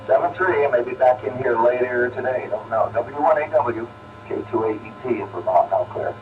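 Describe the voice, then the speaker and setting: A man calling in over amateur radio with a casual check-in, phrasing haltingly. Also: mid-range voice. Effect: radio transmission. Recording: tinny narrow-band radio link, distant, noisy.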